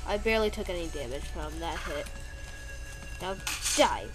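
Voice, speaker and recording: A woman who makes gameplay videos gives casual, rambling commentary as she plays, her voice congested and sniffly, playfully complaining every time she gets hit. Her lowish voice is expressive at normal speed, over loud game music on a low-quality recording.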